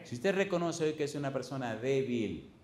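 A man's voice: medium pitch, expressive, moderate pace, a little mellow, echoey room. An older man preaching a sermon, emphatic and repetitive, putting questions to the congregation.

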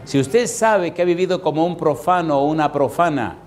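A pastor preaching an evangelistic sermon, asking the congregation the same rhetorical question twice and slowing down to stress key phrases. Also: male voice, on the high side, darkish tone, a little hiss or hum.

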